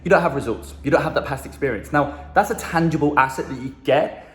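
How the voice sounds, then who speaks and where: A man's voice: on the high side, fast, fairly bright tone, slight background noise. A man giving casual marketing advice to camera in a phone video, talking loosely with lots of fillers and "right?" tags from a room in his new apartment. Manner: loose and chatty, many fillers like "um", "and whatnot" and "right?". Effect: phone video recording. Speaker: marketing agency coach. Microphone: handheld phone held at arm's length. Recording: echoey room on a phone mic.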